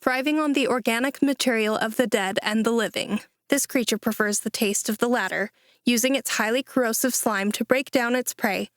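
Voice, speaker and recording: Woman voicing a mechanical dungeon system, slow even recitation, fairly high voice, dry sound, audiobook. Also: dry recording, close to an everyday voice. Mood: ominous. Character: dungeon system voice, impersonal and ominous. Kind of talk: audiobook character voice.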